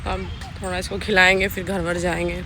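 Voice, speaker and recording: A woman's voice: fairly low pitch, flat delivery, brisk. A young woman chatting casually in a home vlog, talking to her small daughter between asides to the viewers. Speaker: vlogger mother. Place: outdoors in a park and streets. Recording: outdoor noise, traffic behind.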